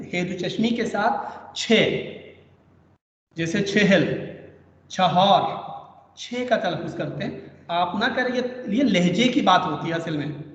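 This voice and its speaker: A man teaching an online language lesson, patient and repeating each point slowly, heard over a video call. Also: high-pitched, fairly bright tone. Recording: echoey, distant, dull online class audio.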